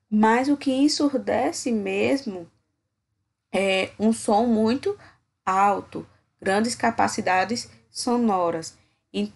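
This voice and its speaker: A young adult woman, teaching a grammar lesson slowly and patiently, often checking in with her students. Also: on the high side, gravelly, breathy edge. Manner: slow, patient, checks in with "certo?".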